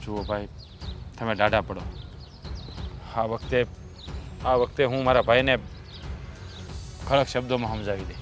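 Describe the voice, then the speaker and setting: An actor playing the headman's conciliatory younger brother, who speaks calmly and earnestly. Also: medium pitch, a little slow, long pauses, faint music behind, lightly acted. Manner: calm, soothing, earnest. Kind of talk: village family stage drama.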